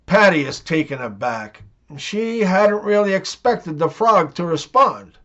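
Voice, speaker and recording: A man reading jokes and one-liners in a steady storytelling delivery. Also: high voice, unhurried. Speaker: joke teller. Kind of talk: scripted joke reading. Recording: dull lo-fi recording.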